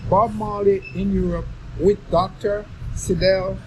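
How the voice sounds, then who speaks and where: A man's voice: sits high, level tone, unhurried, noisy background. A man with a Jamaican accent tells stories casually in Rasta-style speech with patois phrasing, repeating phrases for emphasis. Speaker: storyteller explaining reggae history. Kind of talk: casual conversational storytelling.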